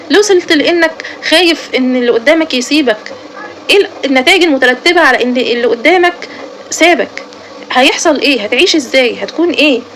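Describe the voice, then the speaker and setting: Egyptian woman vlogger, talks super fast, earnest coaching advice, highish voice. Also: fairly bright tone, a little hiss or hum. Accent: Egyptian Arabic. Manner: earnest, coaching, addresses listener directly. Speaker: self-help vlogger. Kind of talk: advice talk to camera.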